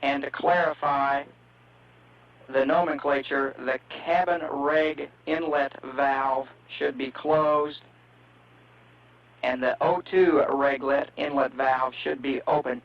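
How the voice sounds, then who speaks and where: A man's voice: mid-range voice, fairly even intonation, slow pace, gravelly, muffled recording. A man working as a mission control communicator, making procedural calls to a spacecraft over a two-way radio with static.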